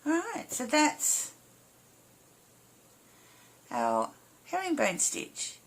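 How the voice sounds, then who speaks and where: An embroidery instructor with a slightly hoarse, croaky voice walks through a craft step by step in short, casual, informal phrases. Her voice is high, her pitch swoops wildly, and she draws out her words.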